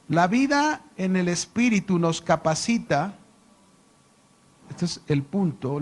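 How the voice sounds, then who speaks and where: A man teaching a Bible class, chatty and animated. He keeps quizzing his listeners with rhetorical questions and joking with them. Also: sits high. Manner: animated storyteller, jokes with listeners. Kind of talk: conversational Bible lesson to a class. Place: church classroom with a live audience.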